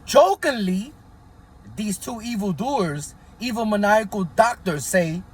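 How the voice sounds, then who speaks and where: Here the channel host sounds high, animated and slightly rough, and he talks slowly. His casual commentary vlog has a conspiratorial feel, full of "right?" checks with viewers and "allegedly" hedges.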